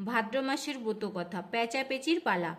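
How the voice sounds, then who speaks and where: A woman, reciting a rhymed devotional tale in a steady singsong as she performs a home puja. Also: on the high side, normal speed. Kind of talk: chanting prayers and reciting a devotional verse tale.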